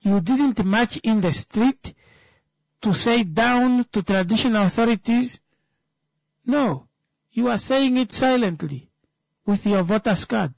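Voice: mid-range voice, vocal fry, a little mellow, no room sound, rough recording. A speaker with a Namibian accent giving an impromptu political talk, emphatic, repeating phrases and answering their own rhetorical questions.

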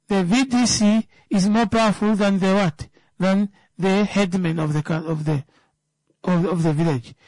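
Namibian accent, medium pitch, impromptu political talk, emphatic repetition, rhetorical questions, dry close sound. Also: darkish tone, no echo, poor audio. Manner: emphatic, repeats phrases, poses rhetorical questions and answers them. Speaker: political speaker.

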